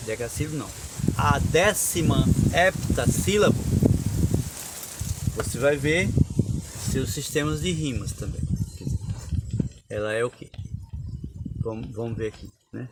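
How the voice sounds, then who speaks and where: Slow, patient teacher. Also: male voice, mid-range voice, very noisy. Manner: unhurried, explains step by step and recites verses. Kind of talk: lesson on cordel poetry.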